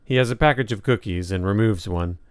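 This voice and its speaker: A man reading a nonfiction book aloud as narrator, in a measured, reflective way. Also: fairly low pitch, smooth, dry recording.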